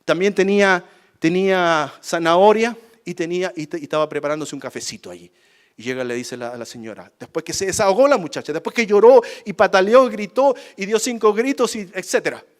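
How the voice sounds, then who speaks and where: A man's voice: high-pitched, a little fast. A male pastor preaching a sermon emphatically, repeating points and addressing listeners as brother.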